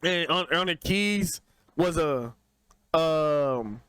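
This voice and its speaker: A young man co-hosting a podcast, telling a story in a casual, slangy, animated way. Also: a little high, very slow, clean tone, no echo. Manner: animated, slangy, voice jumps up when excited. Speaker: podcast co-host.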